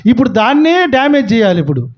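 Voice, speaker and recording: Pastor, male, high voice, forceful preaching full of rhetorical questions; dull lo-fi recording. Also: sing-song, quick pace. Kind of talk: sermon.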